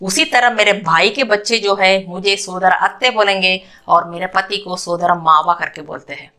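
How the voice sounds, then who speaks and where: A woman's voice: mid-range voice, moderate pace, sharp tone, faint music behind. A woman teaching kinship terms, repeating each word and checking that the learners follow. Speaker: language teacher. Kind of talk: explaining kinship words to learners.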